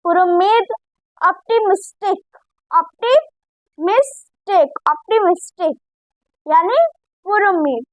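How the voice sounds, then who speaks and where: A woman with a very high, light voice runs a vocabulary drill, taking each word slowly and repeating it over and over so learners can copy the sound. Her voice is close and dry, with no room echo around it. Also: fairly bright tone, lo-fi sound. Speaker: English vocabulary teacher.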